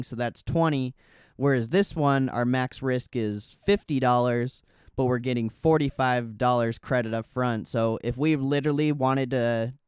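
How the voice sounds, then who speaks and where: A young man hosting a livestream talks loosely through an options trade while he has the hiccups, often stopping to correct himself. His voice is smooth and clear. The sound is dry and close, with almost no room echo. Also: medium pitch. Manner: rambling, self-correcting, casual. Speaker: livestream host. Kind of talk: casual options trading explanation.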